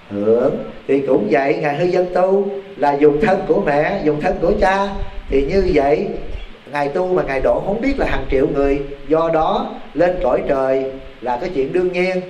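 Animated monk preaching. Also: male voice, a little high. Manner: animated, quizzing the audience. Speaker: Buddhist monk teacher. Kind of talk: sermon. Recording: echoey hall, faint background noise.

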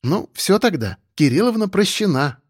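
A man's voice: high-pitched, very animated, normal speed, slightly rough, dry recording, clean studio sound, pitched above the performer's own voice, heavily acted. A man reading an audiobook, voicing a shy young woman colleague who talks timidly and bashfully. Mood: chatty. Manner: timid, bashful, gently chatty.

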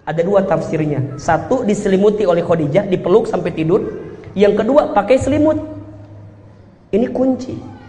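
A man with a Sundanese accent preaching to women in an animated, joking manner full of playful asides. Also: high-pitched, normal speed. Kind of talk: Islamic lecture to women. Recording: echoey hall with background noise.

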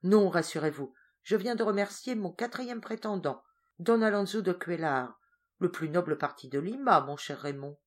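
A woman voicing a confident, teasing young woman of twenty-three in an audiobook, speaking in a brisk, self-assured way. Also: fairly low pitch, animated.

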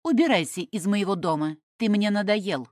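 A woman's voice: medium pitch, sing-song, a little slow, a little mellow, no room sound, clean studio sound, voice pushed up. A woman reading an audiobook and voicing a cold, stubborn Roman noblewoman who talks in curt, scornful commands.

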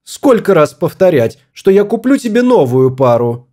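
A sharp-tongued young wife aboard a small spaceship, as a male reader puts her on, her voice lifted high and swinging widely as she scolds. The tone stays soft and mellow underneath, a storybook spouse who snaps back at every word. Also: sing-song, normal speed. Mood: annoyed.

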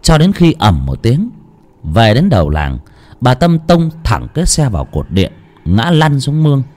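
A man's voice: medium pitch, darkish tone. A man narrating a ghost story in a dramatic, vivid way.

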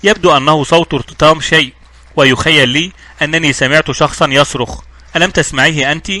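Male narrator voicing a sardonic adventurer, cool and mocking, quick and bright, audiobook read. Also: on the high side, dry recording. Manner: mocking, calm. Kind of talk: audiobook dialogue reading.

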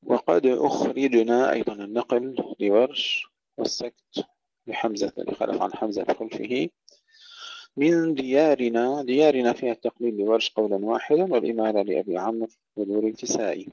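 A man teaches Quranic recitation in a lowish, mellow voice. He drawls short verse fragments slowly and a bit louder, then explains each rule calmly. The recording is dry and a little dull. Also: dry recording.

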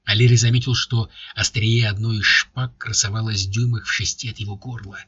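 A man narrating an audiobook in a steady, even storytelling voice. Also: fairly low pitch, fairly quick, slightly rough, dry recording. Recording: dry, dull lo-fi recording.

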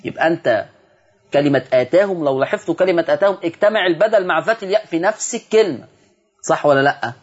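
A man with an Egyptian accent teaching Quran recitation on a televised lesson, explaining quickly and then reciting example words slowly. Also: fairly high pitch, lively intonation, slightly rough, highs cut off.

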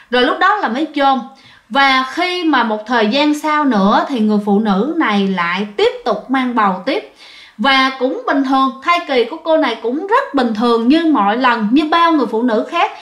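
A woman with a Southern Vietnamese accent tells ghost stories in a casual, chatty way, turning often to her listeners. Her voice sits high, and it rings in a roomy, echoing space. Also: fairly bright tone. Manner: chatty, addresses listeners directly. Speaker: ghost story narrator. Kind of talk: casual spoken storytelling.

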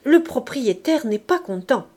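A woman's voice: sits high, animated, measured pace, a little mellow, voice pushed up. A woman reading aloud and voicing an old housekeeper who keeps complaining insistently in a raised voice. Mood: nagging.

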